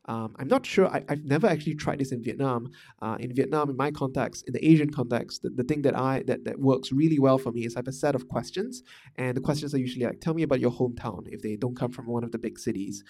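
A man from Malaysia speeds through his thoughts on management for a podcast, his medium-pitched voice carrying vocal fry. The casual monologue is reflective and packed with fillers and false starts.

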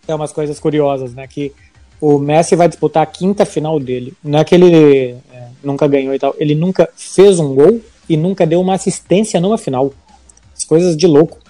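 A man's voice: fairly high pitch, brisk, mellow, soft background music. A Brazilian man hosting a podcast in a conversational sports-discussion style. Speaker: podcast host.

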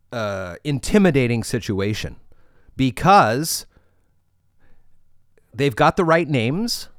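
A man's voice: mid-range voice, no echo, studio quality. A man with an American accent casually telling a story, acting out bits of dialogue as he goes. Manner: animated, re-enacts dialogue in his retelling.

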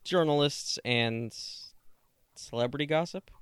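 A man's voice: fairly high pitch, measured pace, fairly bright tone, clean tone. A man co-hosting a podcast in casual chat, dropping wry corrections and jokes. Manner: dry, wry interjections and corrections. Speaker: podcast co-host.

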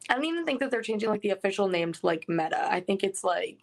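Fast and animated, this young adult woman talks in a mid-range voice as a podcast co-host. Her casual chat comes through a phone line and is peppered with "like."

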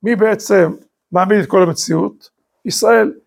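A man's voice: high voice, vocal fry. A man, a rabbi, teaching a Torah class, full of rhetorical questions and emphatic rising bursts. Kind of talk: lively Torah lecture.

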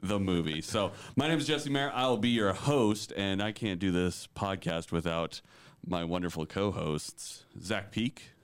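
A man's voice: sits low, a little slow, clean tone. A man hosting a casual podcast chat, upbeat and playfully presenter-like. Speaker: podcast host.

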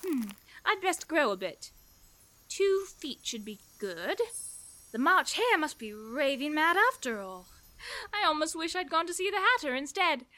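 A woman's voice: sits high, big pitch swings, a little slow, pushed and bright, full character voice. An actress playing Alice, a curious and polite young girl who wonders aloud and talks to herself. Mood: wondering. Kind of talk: audio drama acting.

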